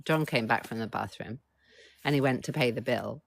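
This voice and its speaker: Blunt, gravelly-voiced woman coach. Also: extremely low pitch, moderate pace, no echo. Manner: blunt and swearing, keeps prompting the chat. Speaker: coach and live-stream host. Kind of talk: casual live-stream talk to viewers.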